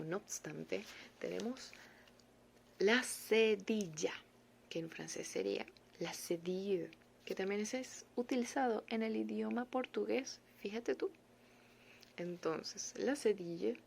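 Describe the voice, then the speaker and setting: Woman, French teacher, slow patient explaining, gravelly voice, faint background noise. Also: medium pitch, darkish tone. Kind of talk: casual online language lesson.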